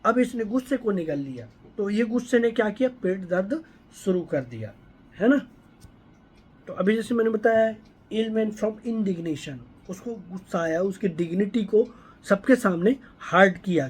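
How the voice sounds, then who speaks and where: A man's voice: sits high, lively intonation, measured pace, darkish tone, slightly rough. A man, a homeopathy doctor, walking listeners through a patient case and often checking that they follow. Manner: explanatory, keeps checking in with listeners. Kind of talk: explaining a patient case to students.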